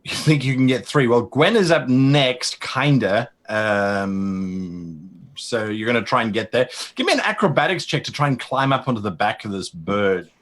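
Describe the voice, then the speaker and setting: A man's voice: medium pitch, animated, moderate pace, a bit bright. A man running a tabletop game as game master, narrating scenes vividly with a few fillers.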